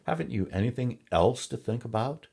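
A man's voice: medium pitch, lively intonation, normal speed, creaky, a little mellow, slightly rough, pitched above the performer's own voice. Man voicing a scolding, clucking hen. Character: scolding, impatient female hen.

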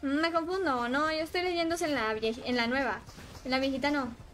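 A woman streaming a game, chatting casually with her viewers and getting excitable as she plays. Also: high-pitched, moderate pace, slight background noise. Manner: excitable, shrieks and laughs while playing, chats with viewers. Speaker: livestreaming gamer. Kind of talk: casual gaming livestream chat.

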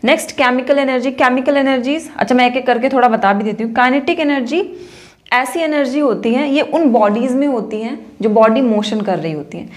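A woman's voice: sits high, brisk. A young Indian woman teaching a physics lesson in a mix of Hindi and English, asking and answering her own questions as she explains. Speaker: science teacher. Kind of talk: classroom lecture mixing Hindi and English.

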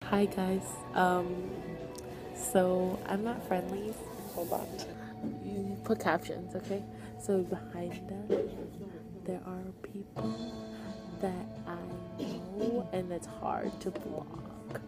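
A woman's voice: lowish voice, steady tone, slow pace, loud music behind the voice. A young woman vlogger chatting casually to the camera close in front of her.

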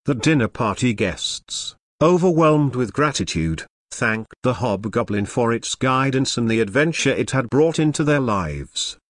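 Male storyteller, mid-pitched, dry close sound, even and measured reading. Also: dry recording. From England, Lancashire. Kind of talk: scripted story narration.

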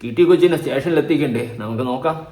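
A man's voice: medium pitch, fast, noisy background. A man hosting a reaction vlog, giving sarcastic, mocking and lecturing commentary. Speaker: vlog host reacting to clips. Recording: roomy echo.

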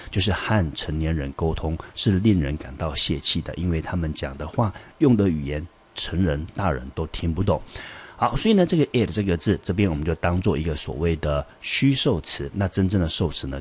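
A middle-aged man with a Taiwanese Mandarin accent gives an English vocabulary lesson in a deep voice. He works through each word methodically and reads the example sentences slowly. His voice has a husky edge. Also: lively intonation. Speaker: English teacher.

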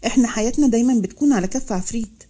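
A woman's voice: a little high, racing, dark tone, lightly acted. A woman with an Egyptian accent voicing a polite young male soldier who speaks respectfully. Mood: earnest. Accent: Egyptian Arabic.

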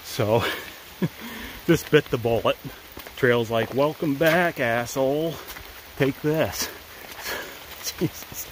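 A man's voice: mid-range voice, takes it slowly, long pauses, background noise. An older man vlogging while climbing a wet mountain trail, talking in a laid-back, wry way and chuckling to himself, with the camera held at arm's length. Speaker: thru-hiker vlogger. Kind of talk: casual trail vlog. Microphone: handheld camera at arm's length.

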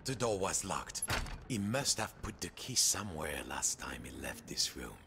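An actor narrating a video game like a storybook, theatrical and playful. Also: male voice, low-pitched, expressive, unhurried, fairly bright tone, slight background noise, full character voice. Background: game music.

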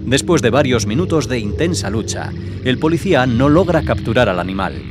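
Male narrator, medium pitch, dramatic scripted countdown voice-over with loud music underneath. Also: animated, brisk. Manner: dramatic, florid wording.

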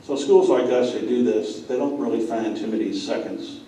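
A man's voice: mid-range voice, normal speed, mellow. A middle-aged man, a school president, giving a plainspoken conference talk to a seated audience, telling stories with asides to the listeners. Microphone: far room mic. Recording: echoey room from far off.

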